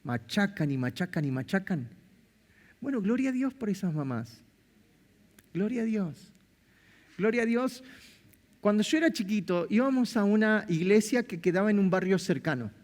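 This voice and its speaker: Animated Argentine preacher in a reverberant hall. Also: male voice, high-pitched, normal speed, pauses often. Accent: Argentine Spanish. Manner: animated preaching, rhetorical questions and repeated phrases. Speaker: pastor. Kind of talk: sermon. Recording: long reverb of a big hall.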